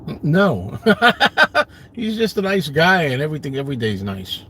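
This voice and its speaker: Speaking with a fairly high pitch, this middle-aged Brooklyn man sounds very animated yet unhurried, his tone bright and forceful. He's a live stream host sitting in a parked car, casually rambling through viewer questions with self-deprecating humor. Some slight hiss or hum is audible.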